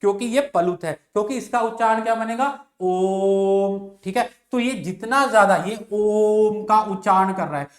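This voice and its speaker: A man's voice: sits high, normal speed, few pauses, roomy sound. A man teaching a class, who asks and answers his own questions, repeats each point, and draws out vowel sounds to show them. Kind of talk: classroom lecture.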